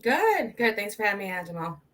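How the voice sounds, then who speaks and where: A woman in her thirties from Colombia, a podcast guest talking earnestly and softly about her life, with frequent ums. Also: mid-range voice, big pitch swings, a little fast. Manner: soft-spoken, earnest, many ums. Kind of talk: casual interview.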